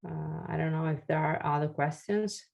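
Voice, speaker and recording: Over a video call, an Italian-native woman runs a webinar workshop for founders and takes questions, hesitating with plenty of fillers and restarts. Her voice is low-pitched, creaky and a little mellow, at a moderate pace, and the recording sounds muffled.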